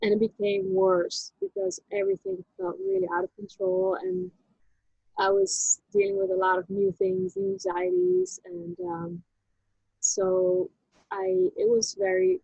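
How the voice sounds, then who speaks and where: A woman, telling her personal story as an interview guest in a halting, reflective way, with frequent restarts. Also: extremely high pitch, level tone, gravelly, dark tone, no room sound, dull audio. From Netherlands.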